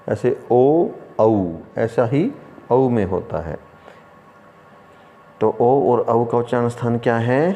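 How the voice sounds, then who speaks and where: A man teaching an online lesson, who explains slowly by asking questions and then answering them himself. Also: mid-range voice, dark tone. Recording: room with long reverb.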